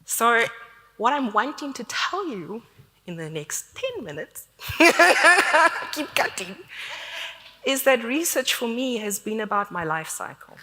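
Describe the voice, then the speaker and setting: Speaking at a conference, this woman from South Africa has a sharp-toned, mid-range voice and a South African accent. She comes across as frank, chatty, and willing to poke fun at herself, with long reverb from the hall around her.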